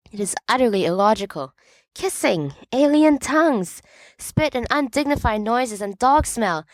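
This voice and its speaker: A volunteer audiobook reader narrates fan fiction in a mid-range voice, bringing wry, emphatic comic timing to the scripted story. There's no room sound, though the recording is rough.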